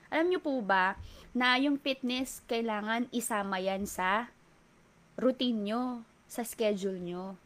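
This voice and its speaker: Higher-pitched Filipino woman fitness trainer. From Philippines. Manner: polite, asks rhetorical questions often. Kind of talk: talk to an audience.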